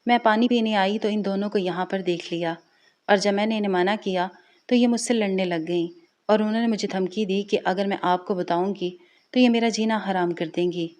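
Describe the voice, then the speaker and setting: A woman voicing a scheming young sister-in-law in a spoken story, loud and accusing. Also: medium pitch, steady tone, natural voice.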